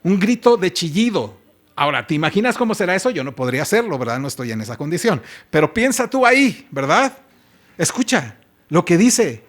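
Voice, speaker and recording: Male pastor, high voice, chatty sermon full of rhetorical questions. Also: a bit bright. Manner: conversational, asks the congregation rhetorical questions.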